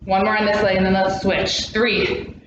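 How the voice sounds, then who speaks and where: A fitness class instructor leads an aerobics workout, demonstrating moves and counting down with short, encouraging cues. Her medium-pitched voice is flat and moderately paced. The recording is noisy and muffled, captured by a distant mic in an echoey room.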